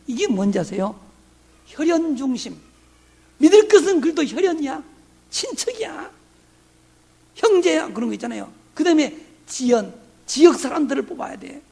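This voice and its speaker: A man's voice: very high voice, creaky, mellow, breathy edge. A middle-aged man from Korea's southwest, a pastor, preaching a sermon in a conversational way with many rhetorical questions. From Honam region, Korea.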